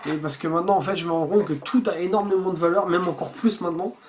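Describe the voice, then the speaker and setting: A man's voice: high-pitched, fairly even intonation, quick pace, a little hiss or hum. A man chatting casually while unboxing a subscription box at home, rambling and swearing freely. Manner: rambling with frequent restarts.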